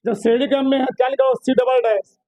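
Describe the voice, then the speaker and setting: A man a very high voice teaches physics in a classroom. He keeps asking his students questions and gently scolds them as he works. The sound is dry and close, no room echo. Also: steady tone, quick pace. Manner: drills students with repeated questions, scolds lightly. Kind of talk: classroom lesson solving problems on a board.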